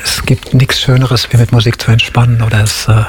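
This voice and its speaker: Relaxed, slightly husky male guest. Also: medium pitch, fairly quick. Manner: relaxed, plain-spoken, many fillers. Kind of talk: casual interview chat.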